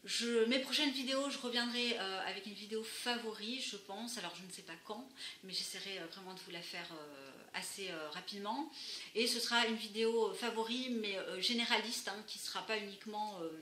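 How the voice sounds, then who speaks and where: A beauty vlogger casually reviews her product haul, enthusiastic though hesitant and full of fillers. Her mid-range voice is pushed and bright, a little fast, recorded in an echoey room with slight background noise.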